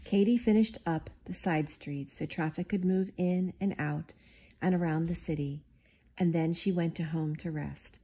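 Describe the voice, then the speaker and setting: A woman reading a picture book aloud, giving the characters lively, expressive voices. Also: on the low side, moderate pace, husky. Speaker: storybook reader.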